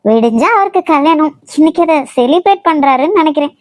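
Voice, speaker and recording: Woman voicing a squeaky cheeky little sister. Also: expressive, quick pace, dry recording. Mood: teasing. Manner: cheeky, teasing. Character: cheeky teasing younger sister, teenage girl.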